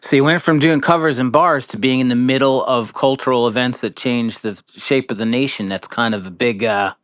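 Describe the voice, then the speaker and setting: A man's voice: medium pitch, a little fast, a bit bright, dry recording. Host, male, dry close sound, short reactions and reflective questions. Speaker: interview host. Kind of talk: casual interview questions.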